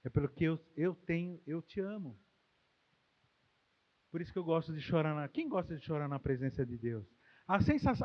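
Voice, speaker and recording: Brazilian pastor guy preaching, really high voice, gets loud then goes soft, echoey hall. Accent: Brazilian Portuguese. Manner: emotional, swings from loud exclamations to quiet intimate tones. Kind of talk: sermon. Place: church hall. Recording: long hall reverb, dull lo-fi sound.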